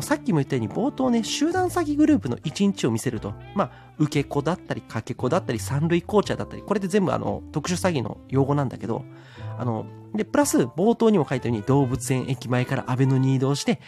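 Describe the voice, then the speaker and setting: A man's voice: medium pitch, darkish tone. A man giving a casual, rambling solo podcast film review, full of fillers.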